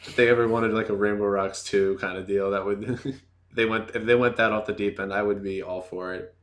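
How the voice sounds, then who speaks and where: A man with a very low voice hosts a relaxed interview. He is chatty and easygoing, tossing out questions and reacting to his guest's answers. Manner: chatty and easygoing, quick to laugh along. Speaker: interview host. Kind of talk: casual interview chat.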